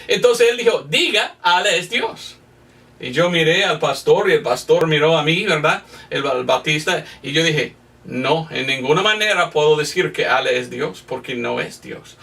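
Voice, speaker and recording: Animated preacher. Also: male voice, sits high, far from the mic. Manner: animated, acts out quoted voices. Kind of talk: sermon storytelling.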